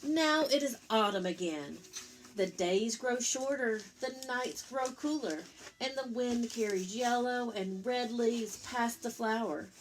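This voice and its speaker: A woman's voice: a little high, measured pace, a little hiss or hum, low-quality recording. A woman, a teacher reading a picture book aloud to young children, with simple explanatory asides and questions for her listeners.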